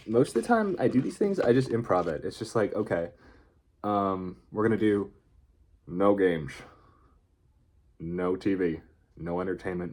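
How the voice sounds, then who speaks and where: Man, deep voice, casual vlog talk, off the cuff, hesitant, meandering delivery. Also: a little mellow, slight background noise. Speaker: vlogger. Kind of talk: casual unscripted video diary.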